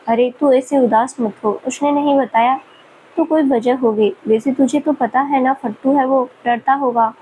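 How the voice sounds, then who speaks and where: Brief: woman narrator voicing a doting mother who nags lovingly, high mellow tone. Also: steady tone, moderate pace, a little hiss or hum, natural voice, rough recording. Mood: affectionate. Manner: scolding yet loving, motherly. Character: affectionate scolding mother, middle-aged woman.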